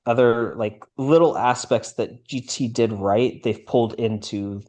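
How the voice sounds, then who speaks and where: A man co-hosting a casual anime podcast, talking in a relaxed, agreeable way with occasional fillers. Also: mid-range voice, unhurried. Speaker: podcast co-host. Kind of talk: casual chat about anime.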